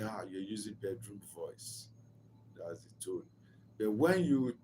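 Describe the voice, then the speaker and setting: A man's voice: mid-range voice, darkish tone, slight background noise, low-quality recording. A man giving a motivational talk on relationships, earnest and instructive, repeating key phrases and asking rhetorical questions. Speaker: relationship speaker.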